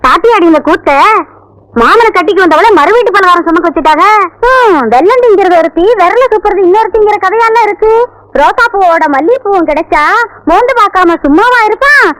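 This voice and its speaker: An actress playing a bold young village wife who scolds and taunts in a rush of proverbs. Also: female voice, very high-pitched, animated, brisk, a bit bright, dry recording, low-quality recording. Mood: taunting. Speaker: film actress. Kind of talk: film dialogue.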